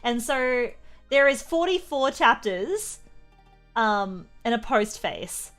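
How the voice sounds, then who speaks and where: High-voiced giggly Australian woman. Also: sing-song, takes it slowly, fairly bright tone, faint music behind. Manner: giggly, keeps breaking into laughter. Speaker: streamer. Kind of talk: comedic read-aloud of a fanfic with commentary.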